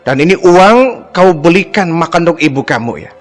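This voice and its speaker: A man's voice: fairly high pitch, expressive, normal speed, soft background music, voice pushed up, natural voice. A man voicing a kindly, wise older man who presses with raised, urgent questions.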